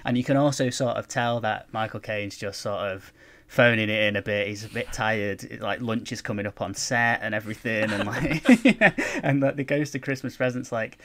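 A man's voice: on the low side, moderate pace, a bit bright, slight background noise. Chatty man, laughing often. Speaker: podcast co-host. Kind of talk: casual chat.

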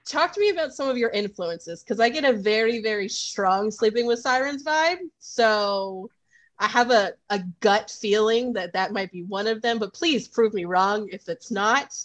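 A woman hosts a relaxed music podcast, chatting with her guests. She asks her questions in a chatty, eager way, with a mid-range voice. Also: mid-range voice, moderate pace, rough recording. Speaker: podcast host. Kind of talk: casual podcast interview.

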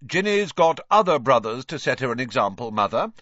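A man's voice: on the high side, very animated, moderate pace, bright, forceful tone, dry recording, highs cut off, pitched above the performer's own voice. A man voicing a pompous, self-important teenage boy who speaks loftily. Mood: lofty. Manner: lofty, dignified.

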